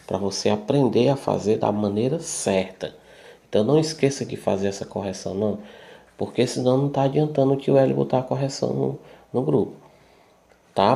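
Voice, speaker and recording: A man's voice: mid-range voice, gravelly, mellow. A male primary school teacher from Brazil, patiently explaining a lesson online to young pupils and their parents, often checking in with "tá certo?".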